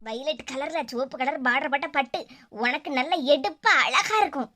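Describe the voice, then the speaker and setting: A woman's voice: sits high, expressive, moderate pace, sharp tone. A woman doing a fussy Kanyakumari mother. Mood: coaxing. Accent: Kanyakumari Tamil. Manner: coaxing, fussy. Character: doting middle-aged mother, fussy.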